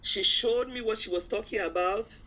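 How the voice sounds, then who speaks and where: A woman's voice: mid-range voice, normal speed, low-quality recording. Storytelling woman, a chatty interview guest. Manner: animated retelling with acted-out quotes and frequent chuckles. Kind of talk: casual personal storytelling.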